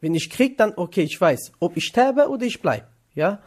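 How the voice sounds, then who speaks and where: A young man from northern Iraq, talking in a radio interview. His voice sits a touch higher than most men's. His German is halting, with many pauses and fillers. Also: animated, a little mellow. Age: 20s. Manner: hesitant non-native German with many fillers. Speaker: interviewee, trainee cook.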